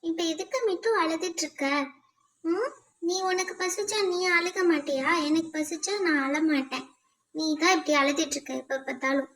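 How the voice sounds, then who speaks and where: A woman's voice: extremely high pitch, normal speed, fairly bright tone. A woman voicing a chatty, teasing young sister doll in a pretend-play toy show. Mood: scolding. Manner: teasing, bossy.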